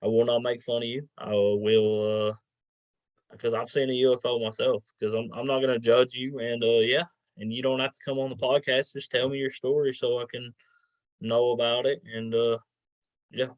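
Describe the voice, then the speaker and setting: Dull lo-fi audio, guy hosting a podcast, informal, halting, pretty dry sound. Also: mid-range voice, level tone, dry recording. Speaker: podcast host. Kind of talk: casual interview chat.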